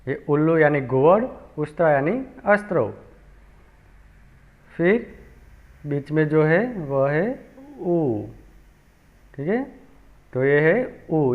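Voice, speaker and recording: Guy teaching little kids, slow and patient, kinda high voice, tinny phone audio. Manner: patient, repeats sounds aloud for children. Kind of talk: slow children's lesson.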